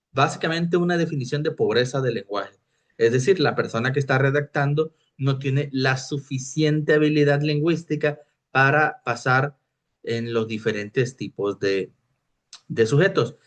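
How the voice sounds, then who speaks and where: A man's voice: medium pitch, moderate pace. Male teacher, recorded lecture, explanatory, checks in with students often. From Mexico. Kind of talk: recorded lecture on technical writing.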